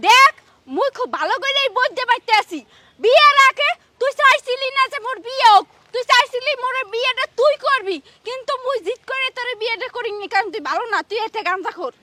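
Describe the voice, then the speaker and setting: A woman's voice: fast talker, pushed and bright, no echo. A woman playing a sly, quarrelsome village wife in a comic skit, speaking. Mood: angry. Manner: pleading then scolding, shrill sped-up voice.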